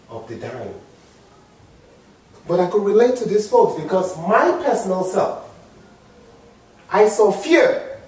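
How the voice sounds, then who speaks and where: A public speaker in his forties with an African accent delivers a dramatic, emphatic motivational speech to an audience, swinging from low murmurs to loud, high exclamations. The mic is far off in a very echoey hall.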